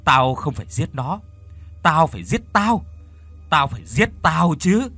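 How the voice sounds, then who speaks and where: Man doing a possessed, murderous young woman for a storybook: repetitive, frantic, husky. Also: medium pitch, sing-song, normal speed, faint music behind. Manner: repeats herself in a frantic mutter.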